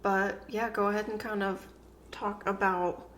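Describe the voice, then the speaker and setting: On a casual podcast she runs with her partner for their couple's channel, this woman speaks into a new desk microphone, a bit nasal and congested. Her mid-range voice is level, fairly bright and a little slow as she rambles through fillers and restarts, with slight background noise.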